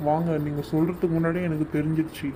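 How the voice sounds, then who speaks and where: A man playing a calm adult doctor in a home-made skit, reassuring and explaining things patiently, step by step. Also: a little high, fast talker, background noise, natural voice.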